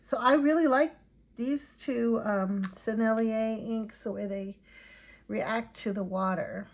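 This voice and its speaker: A tired woman hosting an art channel, chatting softly and thinking aloud while she swatches paints at home. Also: a little high. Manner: soft-spoken, unhurried, thinking aloud.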